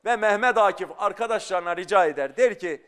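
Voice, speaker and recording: A man's voice: sits high, lively intonation, brisk, a bit bright, clear, resonant tone. A middle-aged male scholar speaking as a guest on a studio talk show, explaining earnestly and building to fervent emphasis. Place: television studio.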